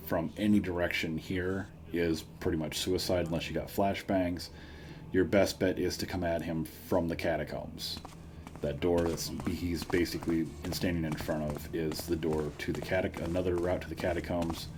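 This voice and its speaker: Let's player, male, low voice: casual, self-deprecating walkthrough talk over clearly noisy game ambience. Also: flat delivery, normal speed, a little mellow. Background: game sounds.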